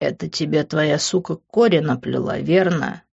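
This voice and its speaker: A woman voicing an angry, brusque young man who talks in a slow, low hiss, on a dull lo-fi recording. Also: creaky, a little mellow, husky, exaggerated voice. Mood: angry, heated.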